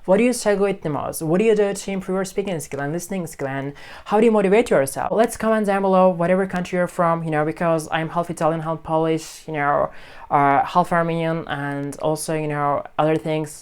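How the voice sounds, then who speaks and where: A woman from Turkey, a native Turkish speaker, talks to camera in English with a Turkish accent, casually addressing her viewers as an English-learning video creator. Her voice is fairly low, brisk, clear and resonant with a little mellowness. Earnest and encouraging, she keeps repeating "okay?" and "you know".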